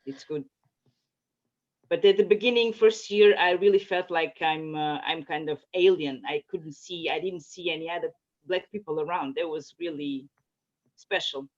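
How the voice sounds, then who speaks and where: A woman's voice: low-pitched, moderate pace. A woman from Portugal, a native Portuguese speaker, answering interview questions in a casual, hesitant way with many fillers and restarts. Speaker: interview guest. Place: home in Zurich. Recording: muffled lo-fi audio.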